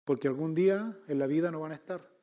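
Un pastor con acento chileno que predica un sermón, enumerando puntos y haciendo preguntas retóricas a la congregación. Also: male voice, on the high side, fast talker, mellow. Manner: emphatic, counts numbered points, asks the congregation rhetorical questions. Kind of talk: sermon.

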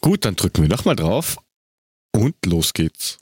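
A man's voice: low voice, big pitch swings, a little slow, noisy background. A man hosting a sports show, moderating in a casual, chatty way. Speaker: show host.

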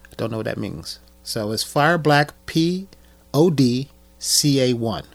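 A man hosting his podcast, talking in a loose, joking way and stumbling over his cue cards. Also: medium pitch. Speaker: podcast host. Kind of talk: casual podcast chat.

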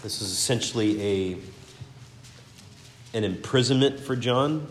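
A man's voice: medium pitch, measured pace, slight background noise. A man teaching a Sunday school class, reading scripture aloud with earnest emphasis and often repeating words as he searches for phrasing. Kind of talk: Bible teaching.

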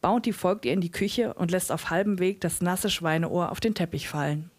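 A woman's voice: on the low side, moderate pace, slight background noise. A woman author reading from her own book at a live event, with dry comic narration.

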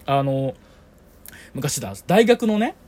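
Man, Kansai accent, podcast co-host, casual chat with his brother, animated storyteller, laughs often, rather high voice. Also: slow pace.

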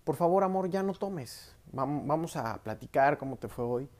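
A man voicing an anxious, submissive young wife who talks softly and pleadingly. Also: fairly high pitch, animated, moderate pace, close to an everyday voice.

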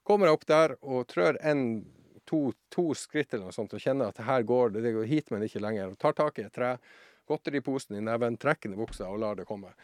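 Animated man telling a tale. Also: medium pitch, no echo, clean studio sound. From southern Norway. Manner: animated anecdote-teller, acts out voices and shouts. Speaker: guest. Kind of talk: casual storytelling.

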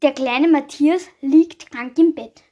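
Woman host, high voice, reads joke collections aloud, casual, a few stumbles. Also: takes it slowly, dark tone, lo-fi sound. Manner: reads jokes with small slips and asides. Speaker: podcast host. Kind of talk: reading jokes aloud.

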